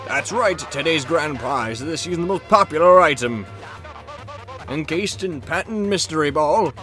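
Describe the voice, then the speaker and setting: Booming, animated game show prize announcer. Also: male voice, heavily acted. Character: manic TV-headed male game show host, showy and excitable.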